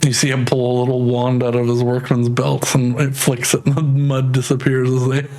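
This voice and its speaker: A man running a tabletop game as game master, casual and halting, laughing often. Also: medium pitch, monotone, a little mellow.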